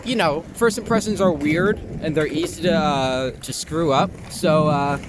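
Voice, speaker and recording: A young man from Long Island, New York, who performs, talks informally in an outdoor interview set in a city park, with traffic clearly heard behind him. His voice sits on the high side and moves a little slowly. He's self-deprecating, swears a lot, and peppers his speech with "like."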